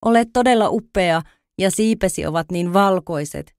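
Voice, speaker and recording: A woman's voice: fairly low pitch, a little mellow, smooth, dry recording, studio quality, lightly acted. A woman voicing a small, curious male fawn who exclaims with wonder in a storybook reading.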